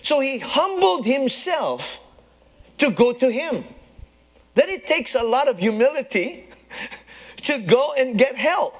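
High-voiced pastor chuckling through his sermon. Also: sing-song, takes it slowly, long pauses. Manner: chuckles often between phrases; calls out to the congregation. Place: church service before a live congregation.

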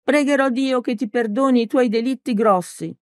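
A woman reading an audiobook, voicing a frail, stern and proud old woman schoolteacher in a high, scolding voice. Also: moderate pace, no echo, clean studio sound, natural voice. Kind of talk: audiobook character voice.

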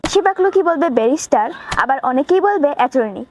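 A woman giving a scripted vocabulary lesson, reading word pairs in a clear, even, list-like way. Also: high-pitched, fast talker, over music. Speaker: English teacher. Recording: noisy background hiss.

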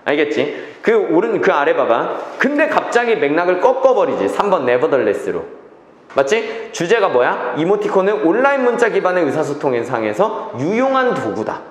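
A man's voice: on the high side, very animated, moderate pace. A man teaching an English reading class, checking in with students and repeating key phrases. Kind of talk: classroom lecture. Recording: echoey classroom reverb.

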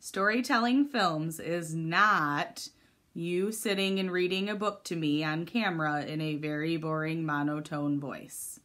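A woman's voice: low voice, unhurried, a bit bright. A woman teacher giving a recorded video lesson to middle schoolers, explaining step by step in an upbeat, encouraging way.

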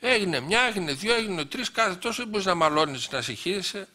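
High bright-voiced man telling stories. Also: animated. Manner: anecdotal, quotes dialogue with many "he says" asides. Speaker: guest speaker recounting memories. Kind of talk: storytelling talk.

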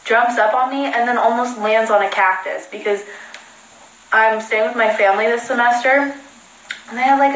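A woman's voice: fairly high pitch, a bit bright. Chatty young woman in an echoey room. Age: young adult. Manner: chatty, rambling, self-mocking. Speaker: livestream host. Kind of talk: casual livestream chat. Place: indoors at home. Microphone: phone livestream.

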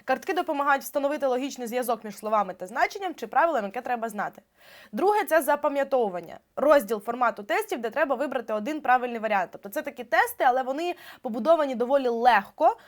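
A young woman teaching an exam-prep lesson, explaining with lively examples and filler sounds. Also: high-pitched, quick pace.

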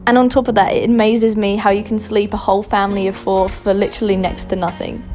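A woman's voice: mid-range voice, little pitch movement, fast. Australian woman narrating a travel vlog. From Darwin, Australia. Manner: chatty, upbeat, giving tips. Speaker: travel vlogger. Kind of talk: scripted travel voice-over. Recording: voice-over with loud background music.

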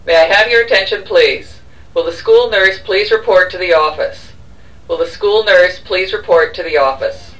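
A man from a school office giving a formal, scripted paging announcement over the school intercom, repeating each request in a measured way. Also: high voice, a bit bright, far from the mic, rough recording. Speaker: school office staff in a training demo.

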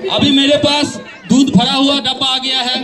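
A man's voice: very high-pitched, level tone, normal speed. A man doing live stage patter in the showy manner of a kids party magician, calling to volunteers and the audience. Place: tented outdoor stage. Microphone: handheld mic through PA, filmed from audience. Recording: echoey PA, loud crowd and music.

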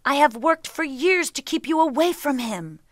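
A woman's voice: a little high, very animated, measured pace, no room sound, studio quality. A woman doing a fretful old vizier father. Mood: alarmed. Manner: fretful, protective. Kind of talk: storybook reading.

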